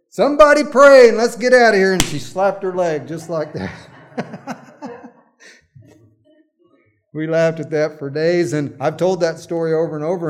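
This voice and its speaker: A man's voice: on the high side, darkish tone. A middle-aged male pastor preaching a sermon, emphatic at times and telling folksy, humorous stories.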